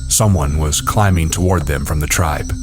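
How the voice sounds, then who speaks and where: A male audiobook narrator with a very deep voice tells the story in a measured, steady way. He reads the scripted text evenly. Faint music sits behind the reading.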